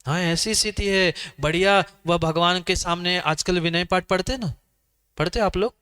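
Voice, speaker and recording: Emphatic male preacher, clear voice. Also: sits high, normal speed, pushed and bright. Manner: repetitive, emphatic, asks the audience questions. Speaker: Jain monk preacher. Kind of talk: sermon. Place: sermon hall.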